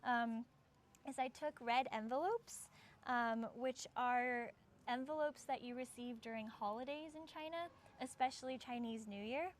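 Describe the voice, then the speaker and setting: Her voice is a little high and her pace measured as this young woman from the United States explains something in a laid-back way. Her speech is peppered with "like" and "sort of," and ambient background sound comes through clearly.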